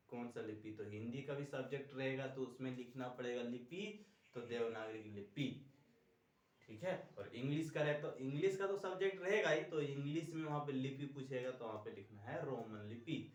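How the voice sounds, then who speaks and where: A male teacher giving a lesson, explaining step by step and asking and answering his own questions. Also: mid-range voice. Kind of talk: classroom lecture. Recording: echoey room, distant mic.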